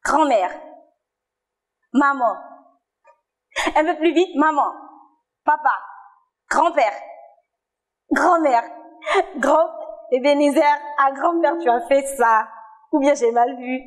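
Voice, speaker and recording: A woman teaching a children's church lesson, leading a sign language game with slow, encouraging words and frequent praise. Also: high-pitched. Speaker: children's Sunday school teacher. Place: church TV studio.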